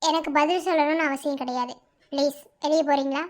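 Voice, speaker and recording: A woman's voice: high-pitched, steady tone, fairly quick, natural voice. A woman voicing a defensive tearful young heroine. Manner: defensive, curt, dismissive. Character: young woman denying her love, tearful. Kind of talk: cartoon love-story voice acting.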